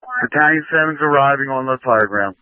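A man's voice: mid-range voice, a little fast, dry recording. Male fire officer over tinny radio. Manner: brief, procedural. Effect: two-way radio. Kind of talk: radio field reports. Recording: tinny, narrow two-way radio line.

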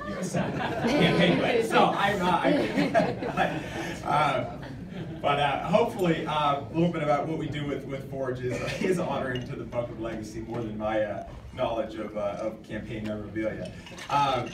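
An American man in his thirties, a nonprofit director receiving an award, gives an informal, halting acceptance speech at a podium in a hotel function room, often repeating words. His voice is mid-range. The podium mic is picked up by a camera in the audience, so the sound is distant and echoey with clear background noise.

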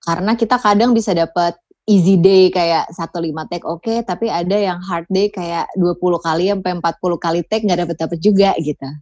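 A woman's voice: on the low side, fairly quick, a little mellow, no echo, dull audio. A young adult woman with a Jakarta accent, a voice-over talent chatting casually as a guest and mixing in English. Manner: colloquial, mixes in English. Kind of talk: casual podcast chat.

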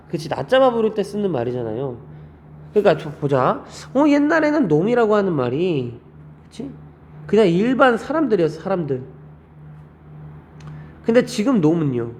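A male teacher giving a classroom lecture, keeping the students engaged with constant rhetorical questions and an animated delivery. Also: a little hiss or hum. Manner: lively, animated delivery with frequent pitch jumps. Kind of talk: classroom lecture on Korean grammar.

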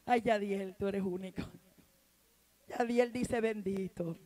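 A woman's voice: sits high, moderate pace. Fervent Puerto Rican woman preaching. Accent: Puerto Rican Spanish. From Puerto Rico. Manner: fervent, builds to shouted exclamations of praise. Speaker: evangelist preacher. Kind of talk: sermon.

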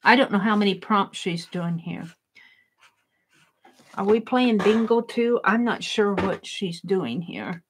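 A woman talks to herself at her home craft table indoors, working in an art journal and wondering aloud what to draw next. Her loud, animated voice is medium in pitch and unhurried, with slight background noise.

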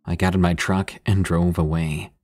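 Deep-voiced male horror narrator. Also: level tone, moderate pace, a little mellow. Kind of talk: scripted first-person narration. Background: faint music.

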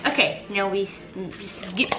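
A woman's voice: medium pitch, normal speed, very noisy. A young woman co-hosting a kitchen vlog with her sister, teasing, playful and given to mumbled asides. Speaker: host's sister, co-host. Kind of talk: casual kitchen vlog banter. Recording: echoey room with loud music.

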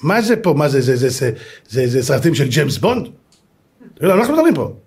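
A man, a rabbi giving a lively sermon and acting out the people in his stories, at times shouting. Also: mid-range voice. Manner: animated, shouts and acts out voices in the stories.

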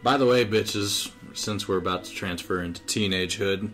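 A man's voice: lowish voice, normal speed, music in the background. A man co-hosting a casual let's play, swearing a lot and making sarcastic crude jokes. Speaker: co-host. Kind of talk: casual gameplay commentary.

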